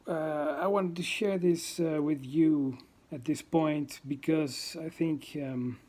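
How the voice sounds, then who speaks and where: A man from the Netherlands talks unscripted to camera in his first vlog, his Dutch accent clear, halting with ums and uhs as he searches for words. His voice is a little high and mellow, with fairly even intonation and a slow pace.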